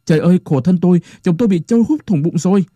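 A loud, quick-tongued village wife, voiced by a male storyteller, wailing in a raised, lamenting voice. The tone stays dark, and the sound is dry and close to the mic. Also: high voice, dry recording, voice pushed up.

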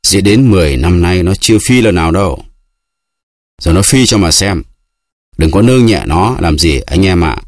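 A man shouting as a brutal drunken peasant. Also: deep voice, lively intonation, normal speed, no echo, clean studio sound. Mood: boastful. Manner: shouting, blustering. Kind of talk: audiobook character reading.

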